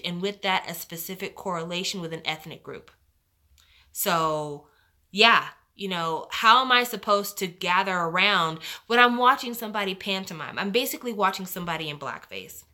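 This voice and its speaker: A young woman hosts a live stream, chatting casually and voicing strong opinions with lots of fillers. Her voice is medium-pitched with a sharp tone.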